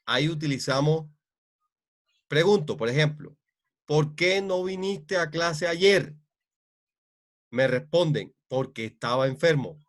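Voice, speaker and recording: A man teaching an online grammar class, speaking in a halting way with many fillers and repeated checks for understanding. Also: fairly high pitch.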